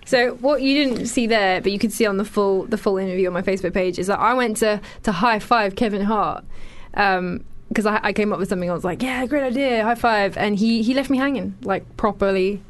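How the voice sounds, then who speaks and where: A woman's voice: mid-range voice, fairly quick. A woman presenter chatting casually and candidly, as in an entertainment talk show. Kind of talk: casual chat.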